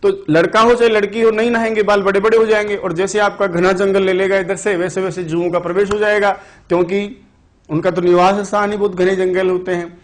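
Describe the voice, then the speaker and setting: A man teaching Sanskrit in an online exam-prep class, telling chatty stories, putting questions to the students and explaining slowly and deliberately. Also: sits high, flat delivery.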